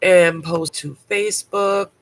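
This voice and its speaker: A makeup vlogger, sick with a bad cold, gives a casual livestream product review in a slow, steady voice that sits on the low side. She's chatty and straightforward, with casual swear words here and there.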